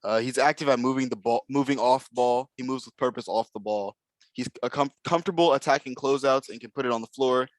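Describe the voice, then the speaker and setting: A man co-hosts a podcast, casually chatting about the basketball draft and analyzing prospects while hedging with lots of fillers. His medium-pitched voice is brisk, and the recording has no room sound.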